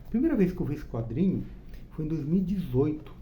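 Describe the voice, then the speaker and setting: This is a casual spoken comic book review from a Brazilian man hosting his own channel, his Brazilian Portuguese accent clear as he chats eagerly and keeps asking the listener tag questions. He sits on the high side, talks fast, sounds very animated, and has a dark tone over slight background noise.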